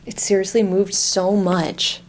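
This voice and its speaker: Startled excitable girl vlogging a ghost hunt, woman chatting casually, bit of background noise. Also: mid-range voice, a little slow. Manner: excitable, easily startled, swearing. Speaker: paranormal investigation vlogger. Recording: noisy on-location vlog sound.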